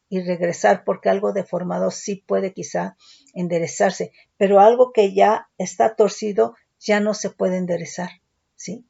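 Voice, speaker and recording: Woman Bible-study teacher, mid pitch, methodical, checks in with "right?", muffled lo-fi sound. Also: vocal fry, dark tone. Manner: explains words step by step, asks "¿sí?" and "¿verdad?" often. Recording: dull lo-fi recording.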